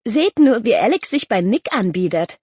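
Chatty teen girl, bright and raised, voiced by a woman, dull lo-fi audio. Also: on the high side, big pitch swings, normal speed, slightly rough, no room sound, voice pushed up. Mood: eager. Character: teenage girl Kelly, earnest and chatty.

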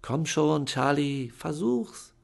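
A man voicing a scheming old great-aunt who coaxes a boy in a high sing-song, with a gravelly edge. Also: expressive, slow pace, darkish tone, full character voice. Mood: coaxing.

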